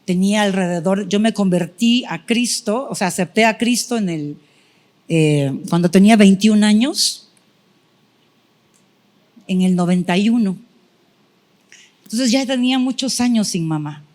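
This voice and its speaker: A woman's voice: mid-range voice, a little slow, pauses often, a little mellow. A middle-aged woman preacher giving a sermon testimony, telling her story with feeling and acting out her own past prayers.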